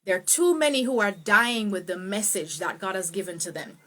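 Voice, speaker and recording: A woman teaching a live online speech tutorial, greeting viewers and swooping her pitch up and down to show emphasis. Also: moderate pace, sharp tone. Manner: greets viewers by name, laughs easily. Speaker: speech coach.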